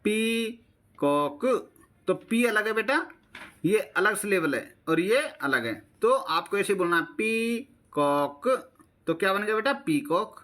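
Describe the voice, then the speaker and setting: This primary school teacher's voice is high and sing-song, bright and a little pushed, moving at a moderate pace. With an Indian accent, he walks kids through an English textbook, patiently saying every phrase again in Hindi.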